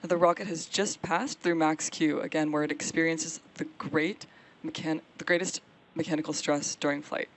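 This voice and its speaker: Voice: mid-range voice, fairly even intonation, normal speed, a bit bright, low-quality recording. A launch webcast host giving explanatory live commentary on a rocket launch.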